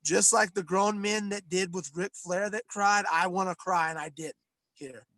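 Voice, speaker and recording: A man's voice: high voice, normal speed, sharp tone, dry recording. Man, podcast co-host, impassioned rant, casual swearing, dry close recording. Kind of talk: casual chat.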